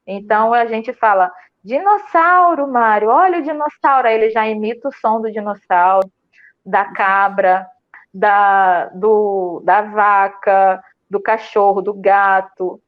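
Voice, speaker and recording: A woman with a Brazilian Portuguese accent telling her story in a casual interview, animated and full of fillers and restarts. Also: medium pitch, unhurried, phone-quality sound. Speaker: student telling her experience.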